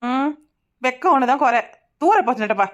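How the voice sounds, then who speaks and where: A woman voicing a sulky, sharp-tongued young village wife in a cartoon, with a Kanyakumari Tamil accent. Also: high-pitched, expressive, fairly quick, highs cut off. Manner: sulky, retorting.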